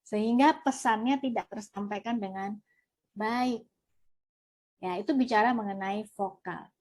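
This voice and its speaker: A woman teaching a workshop, lively, asking and answering her own questions. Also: mid-range voice, unhurried. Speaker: trainer. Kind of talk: online workshop lesson.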